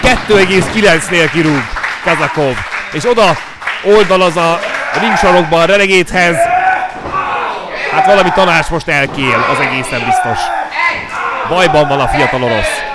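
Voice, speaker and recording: A man calling a live wrestling match, excitedly describing the moves as they happen. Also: on the high side. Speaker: play-by-play commentator. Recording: commentary over loud crowd and ring noise. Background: loud crowd and ring slams.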